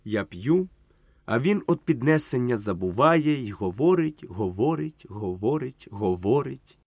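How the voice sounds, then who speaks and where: Measured male audiobook narrator. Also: medium pitch, animated, darkish tone, husky, dry recording. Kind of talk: literary first-person narration.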